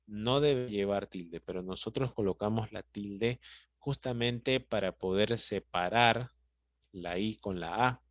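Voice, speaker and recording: Speaking slowly in a lowish voice, a man teaches grammar with a Peruvian Spanish accent, explaining patiently and often pausing to check on his students. The sound is dry, dull and lo-fi.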